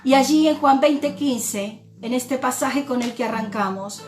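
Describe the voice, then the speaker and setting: A woman pastor from Argentina, preaching a sermon in a slow, reflective way and often repeating words as she thinks. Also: high-pitched, darkish tone, echoey room, soft background music.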